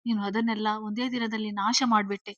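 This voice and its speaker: A woman's voice: medium pitch, little pitch movement, brisk, a bit bright, no echo, clean studio sound, lightly acted. A woman voicing a hurt middle-aged mother who scolds her daughter in a grieving, reproachful way.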